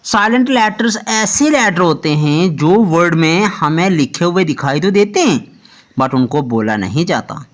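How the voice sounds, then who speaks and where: A man hosting a video lesson, explaining English pronunciation rules in a lively teaching tone and often checking that students follow. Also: on the high side, unhurried. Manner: lively teaching tone, keeps asking "clear?". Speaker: English teacher, channel host.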